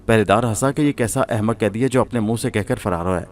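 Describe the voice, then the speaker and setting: A man reading a suspense horror serial aloud as a storyteller, in a steady, measured way. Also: fairly low pitch.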